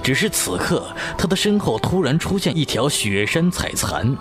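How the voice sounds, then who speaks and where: A reflective middle-aged martial-arts master, seasoned and urbane, is voiced by a man in a wuxia audio drama set to music. His fairly high voice makes big pitch swings as he speaks in a measured, theatrical, avuncular way.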